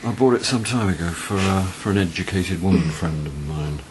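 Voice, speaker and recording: An actor playing a weary, wry older university tutor in a radio drama, talking in a hesitant, dry, halting way. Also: male voice, sits low, a little mellow, slight background noise, close to an everyday voice.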